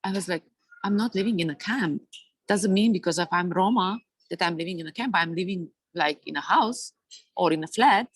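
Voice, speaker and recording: Serbian-accented woman, halting, dry sound. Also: on the low side, slightly rough, no room sound. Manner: halting, many fillers and restarts. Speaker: panelist. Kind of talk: webinar discussion. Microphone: video call.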